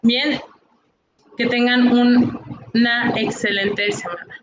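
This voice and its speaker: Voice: mid-range voice, little pitch movement, slow, muffled recording. Mexican accent, teacher, lecture, mid-range voice, rhetorical questions, roomy echo. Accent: Mexican Spanish. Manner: explanatory, frequent "bien" and "eh" fillers, rhetorical questions. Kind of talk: recorded online class lecture. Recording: echoey room, faint background noise.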